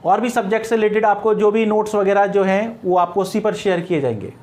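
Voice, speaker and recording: A man's voice: high voice, a little fast, a little mellow. A male English grammar teacher explaining step by step, mixing English terms into Hindi and answering his own questions. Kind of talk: Hindi-language grammar lesson.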